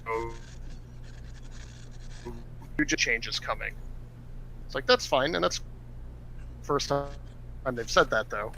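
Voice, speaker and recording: A man's voice: medium pitch, lively intonation, slow, creaky, long pauses. A man co-hosting a casual gaming podcast from home over a headset, rambling and joking with lots of fillers. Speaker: podcast co-host.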